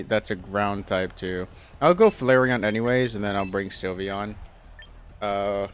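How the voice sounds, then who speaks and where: A young gaming YouTuber comments casually on his own gameplay in a smooth, lowish voice. He thinks aloud, self-deprecating and hesitant, often restarting his sentences.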